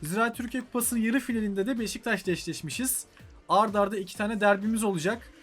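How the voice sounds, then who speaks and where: A man's voice: sits high, quick pace, fairly bright tone, faint music behind. A young man with a Turkish accent giving let's-play commentary on a football video game, breaking into frustrated outbursts at the game. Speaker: gaming YouTuber.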